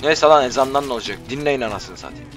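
Rowdy, bright-voiced man playing a game. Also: medium pitch, lively intonation, fast. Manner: rowdy, swears at enemies, joking. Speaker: gameplay commentator. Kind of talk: casual let's play commentary. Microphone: headset. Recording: voice over game audio and music.

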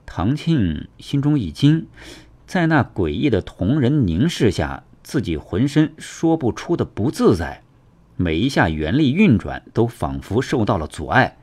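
A man narrating a web novel audiobook with dramatic, expressive storytelling. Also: mid-range voice, slightly rough.

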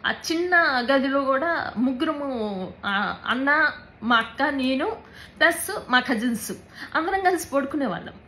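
Bright-voiced woman recounting hardship haltingly. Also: sits high, low-quality recording. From Andhra Pradesh, India. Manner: halting, repeats words, mixes in English words. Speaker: interviewee. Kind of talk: personal account in an interview.

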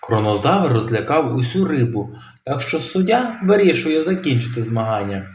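A man voicing a calm, practical mother dinosaur who speaks matter-of-factly in an audio tale. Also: mid-range voice, normal speed, a little hiss or hum, lightly acted. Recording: roomy, slightly dull home recording.

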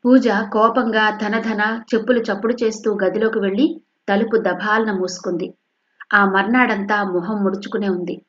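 A woman from coastal Andhra reading an audio novel in a steady, measured narration. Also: medium pitch. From coastal Andhra, India. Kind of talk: scripted narration. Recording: dull lo-fi recording.

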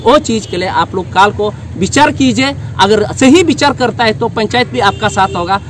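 Impassioned high-voiced man at a press briefing. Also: normal speed, a little hiss or hum. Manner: impassioned, emphatic, rising in force. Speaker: village council leader.

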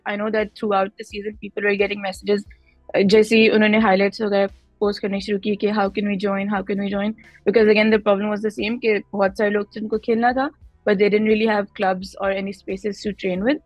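A woman's voice: mid-range voice, level tone, very fast, no echo, soft background music, rough recording. A young Pakistani-accented woman giving conversational interview answers as a guest player, switching between Hindi-Urdu and English mid-sentence. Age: young adult. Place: indoor room, on a video call.

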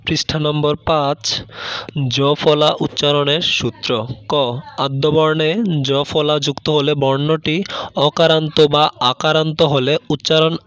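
Guy teacher reading an answer sheet out loud, careful, says example words twice, flat voice, dry kinda muffled audio. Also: a little high, clear, resonant tone, dry recording. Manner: slow, careful reading, repeating each example word. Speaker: online teacher.

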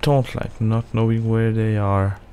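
A man's voice: lowish voice, level tone, measured pace, warm tone, slight background noise. A man giving casual, anxious gameplay commentary while he plays, muttering to himself. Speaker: gaming video host.

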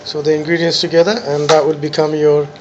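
A man's voice: on the high side, level tone, fairly quick, lo-fi sound, noisy background. A man hosting a cooking video, naming each ingredient in short phrases as it goes into a bowl. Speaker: cooking channel host. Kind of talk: casual cooking narration. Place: restaurant kitchen.

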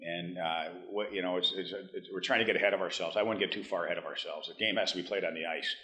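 A head hockey coach in his fifties giving a postgame press conference, talking in halting bursts with many restarts, blunt and frank. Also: low voice, fairly even intonation, pushed and bright. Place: press room in front of a team backdrop.

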